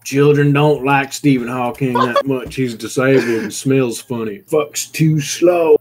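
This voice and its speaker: A man voicing a blunt, deadpan cartoon man in an amateur meme dub, recorded with noise and clicks. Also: mid-range voice, a little slow, crowd noise, close to an everyday voice.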